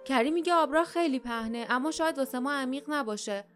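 A woman voicing a fierce, impatient wild girl in an audiobook, talking briskly and sharply. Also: sits high, faint music behind, lightly acted. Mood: insistent.

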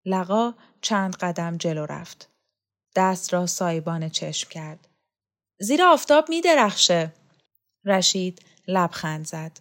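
A woman reading a novel aloud as audiobook narrator, with measured, even delivery. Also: fairly low pitch. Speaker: audiobook reader. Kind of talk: scripted story narration.

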